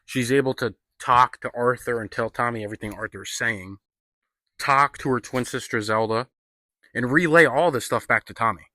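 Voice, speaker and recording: A man talks through a film review in a relaxed, profane way, leaning on slang and filler words. His voice is bright and forceful, and the recording is close and dry, with no room sound. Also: mid-range voice, moderate pace, dry recording. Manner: loose and profane, heavy on "like" and slang. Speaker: movie reviewer. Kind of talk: casual spoken film review.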